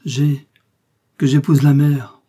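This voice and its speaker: A man reading aloud, voicing a torn, passionate young man who speaks in an emotional, halting way. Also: mid-range voice, fairly even intonation, mellow, husky.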